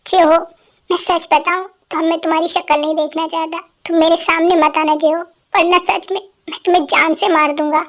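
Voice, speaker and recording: A woman's voice: extremely high pitch, little pitch movement, brisk, fairly bright tone. A woman dubbing a grieving young husband in a fan drama, pleading and tearful. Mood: bitter anger. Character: grieving young husband, man in his twenties. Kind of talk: Hindi fan dub.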